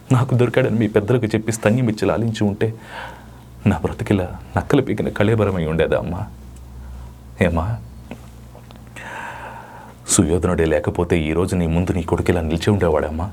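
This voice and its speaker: A man's voice: sits low, warm tone, a little hiss or hum. A man voicing a proud warrior prince who reproaches his mother in solemn, theatrical mythological dialogue. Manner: solemn, reproachful dramatic recitation.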